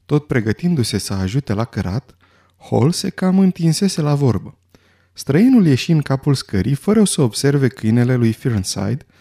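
A man narrating a story in a scripted audiobook reading, expressive and dramatic. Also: mid-range voice.

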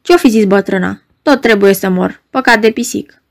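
A woman reading aloud, voicing a calm housekeeper who speaks in a soothing, convinced way. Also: medium pitch, vocal fry, lightly acted. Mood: sure. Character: calm, sure middle-aged female housekeeper.

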